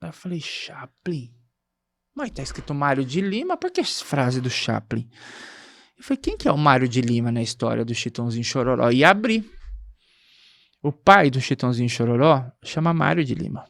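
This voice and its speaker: A man's voice: medium pitch, sing-song, a little fast, gravelly, a bit bright, no room sound. A man from Brazil, a nursing technician and actor, telling a story in casual chat and acting out the dialogue as he goes. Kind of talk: animated anecdote in casual chat.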